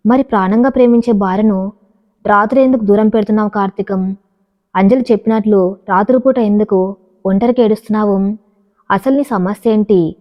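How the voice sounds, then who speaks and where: A woman voicing an experienced male doctor who questions a patient softly, in a storybook reading. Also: mid-range voice, natural voice. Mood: firm. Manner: soft-spoken questioning. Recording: dull, reverberant recording.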